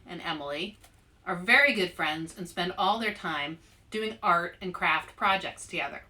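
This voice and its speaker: Addressing young listeners head-on, this author and host leads an animated read-aloud for children in a medium-pitched voice.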